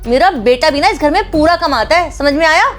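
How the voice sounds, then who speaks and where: A woman's voice: sits high, animated, fairly quick. A woman playing a strict, domineering mother-in-law in a family drama skit, scolding and bossy.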